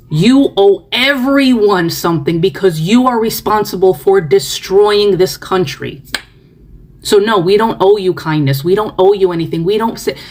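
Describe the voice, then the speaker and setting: Woman, online commentator, blunt and sarcastic, emphatic delivery, middle pitch. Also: darkish tone. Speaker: social media commentator. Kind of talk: ranting video commentary.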